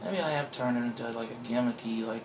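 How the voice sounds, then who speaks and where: A man's voice: mid-range voice, fast, slight background noise. A man, an author being interviewed, talking in a meandering, profane and self-mocking way. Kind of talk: casual rambling interview talk. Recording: roomy echoey room.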